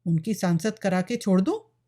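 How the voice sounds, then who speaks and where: A woman's voice: medium pitch, animated, moderate pace, mellow, lightly acted. A woman voicing a young village woman who is defiant and desperate, pleading in a storybook reading. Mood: anguished pleading. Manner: pleading, rebellious.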